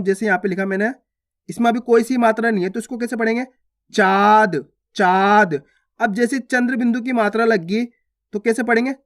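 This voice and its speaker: Patient teacher drilling Hindi word sounds. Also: medium pitch. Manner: drills words aloud, repeating each twice with a question; addresses viewers as friends, checks understanding. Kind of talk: online phonics lesson.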